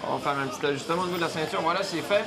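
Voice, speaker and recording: A man's voice: a little high, rapid-fire. A man with a Quebec French accent hosting and calling boxing as a live commentator. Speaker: sports host and play-by-play commentator. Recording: clear crowd noise behind. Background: boxing crowd.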